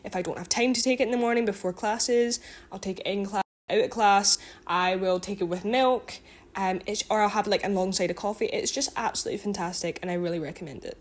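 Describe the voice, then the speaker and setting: A twenty-year-old woman chatting casually to her viewers, rambling with lots of ums and likes and correcting herself as she goes. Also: medium pitch. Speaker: vlogger and student. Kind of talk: casual chatty catch-up vlog.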